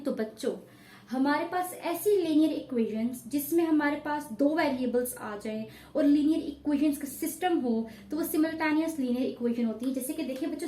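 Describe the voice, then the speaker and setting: A woman's voice: sits high, warm tone, reverberant. A woman math teacher explaining a lesson step by step, patiently repeating each point and addressing her pupils.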